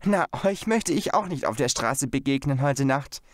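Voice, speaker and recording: A man voicing an eager, giggly young girl in a storybook reading, with a high, lively, pleading manner. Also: moderate pace, dry recording, studio quality, close to an everyday voice. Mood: amused.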